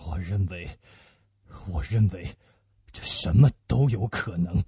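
A man voicing a grave, brooding musketeer who speaks in a low, hushed, heavy way. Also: lively intonation, moderate pace, vocal fry, breathy edge, no room sound, full character voice. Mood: grim. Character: grave older male musketeer, grim and brooding. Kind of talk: Chinese radio-play acting. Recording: dull lo-fi dry recording.

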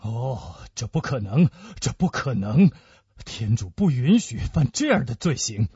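A man voicing a grave, brooding musketeer who speaks in a low, hushed, heavy way. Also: animated, normal speed, creaky, husky, no room sound, heavily acted. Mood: grim. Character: grave older male musketeer, grim and brooding. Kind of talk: Chinese radio-play acting. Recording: dull lo-fi dry recording.

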